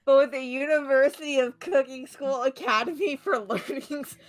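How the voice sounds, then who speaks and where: A woman's voice: high voice, normal speed, faint music behind, lightly acted. A woman reading lines for an anxious, adorably awkward young woman classmate in a game, rambling nervously. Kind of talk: reading a dating-sim character aloud.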